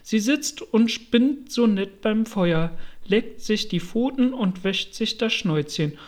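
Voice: mid-range voice, lively intonation, slow. A reader voicing a polite, well-meaning young girl in a storybook reading, with an eager, apologetic, chattering manner.

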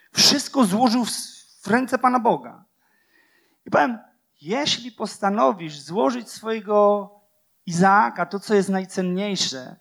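A man preaching a sermon with passion, using repeated phrases and rhetorical questions, and swinging from loud declarations to hushed, quiet lines. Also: high voice.

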